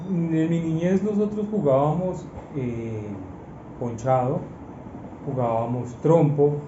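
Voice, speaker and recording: A Colombian man in his forties answering interview questions about his childhood, pausing often with fillers. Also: mid-range voice. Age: 40s. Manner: hesitant, many "eh" fillers. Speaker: interviewee, father. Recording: echoey room, muffled, noisy.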